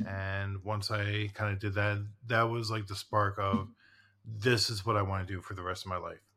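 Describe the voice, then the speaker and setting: This man, a therapist in his forties, co-hosts a podcast in loose, casual conversation, rambling and restarting amid many fillers. He speaks at a moderate pace in a low-leaning, level voice that sounds pushed and bright.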